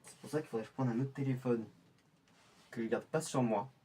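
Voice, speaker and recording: In this scripted in-character monologue, a man with a medium-pitched, mellow, slightly rough voice plays an undercover infiltrator working out his cover. He thinks aloud in a pensive mutter, a little fast and close to how he'd normally speak, recorded from a distance.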